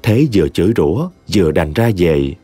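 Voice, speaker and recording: A man narrating a short story in a dramatic, expressive audiobook reading. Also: deep voice, moderate pace, husky, dry recording. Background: soft music.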